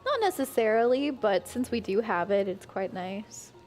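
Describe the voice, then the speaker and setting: A woman's voice: mid-range voice, very animated, normal speed, darkish tone, faint music behind. A woman chatting casually on a stream while she plays a game, laughing often. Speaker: guest streamer.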